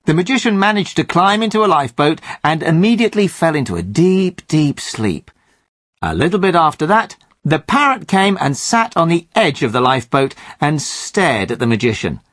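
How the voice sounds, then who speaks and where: A man spins a long joke at a storyteller's pace, pausing for effect. His pitch swings widely as he tells it, and the recording is dry and close. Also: very animated, a bit bright, no room sound. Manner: storytelling with playful pauses. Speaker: regular joke teller. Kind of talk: scripted joke telling.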